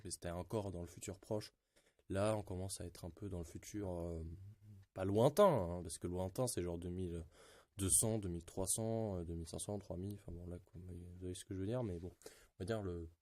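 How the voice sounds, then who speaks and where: Low-voiced guy rambling about games. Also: mellow. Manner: rambling, many fillers and restarts. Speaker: gaming YouTuber. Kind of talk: casual gaming commentary.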